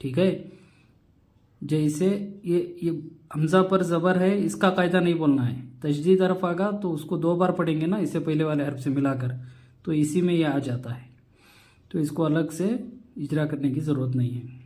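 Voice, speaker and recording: A man teaching a Quran recitation lesson, spelling out syllables slowly and patiently repeating each rule, with nasal humming on doubled letters. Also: fairly high pitch, darkish tone. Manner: patient, repeats rules step by step.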